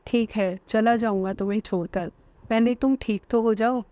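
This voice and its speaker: A woman's voice: a little high, steady tone, normal speed, dark tone, dry recording, lightly acted. A woman voicing a possessive, short-tempered young husband in a storybook narration, in her own everyday voice. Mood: pleading.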